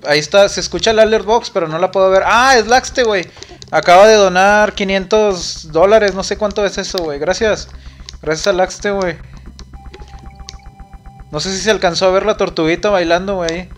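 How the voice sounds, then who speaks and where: A man's voice: high voice, moderate pace, faint music behind. A young man with a Mexican accent streaming a game and chatting casually, rambling and swearing a lot, saying "güey" constantly. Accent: Mexican Spanish. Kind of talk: casual chat while gaming on a live stream.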